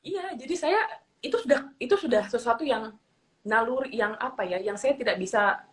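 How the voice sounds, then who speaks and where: A woman's voice: a little high, animated, moderate pace, a crowd in the background, poor audio. Earnest young woman from eastern Indonesia. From Papua, eastern Indonesia. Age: young adult. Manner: earnest, repeats phrases while telling stories. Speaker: guest. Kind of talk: casual interview storytelling.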